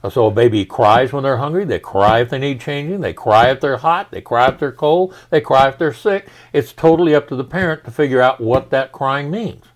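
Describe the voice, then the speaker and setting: A man's voice: mid-range voice, fairly quick, hardly any pauses. A middle-aged man, a pastor, explaining in a casual, folksy way with everyday examples and questions. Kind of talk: casual teaching conversation.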